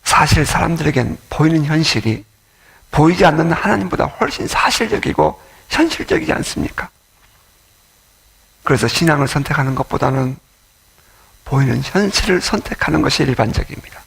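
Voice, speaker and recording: Gravelly, bright-voiced male pastor. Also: fairly high pitch, very animated, brisk. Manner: emotional, dramatic preaching with storytelling. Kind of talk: sermon. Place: church.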